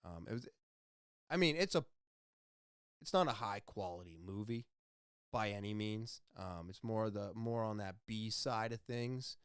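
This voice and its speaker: A man's voice: lowish voice, animated, measured pace, long pauses, clear, resonant tone, no room sound. Guy ranting on his own podcast, voice all over the place, dry close sound. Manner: impassioned, ranting, then quiet and somber. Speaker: podcast host. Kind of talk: solo opinion monologue.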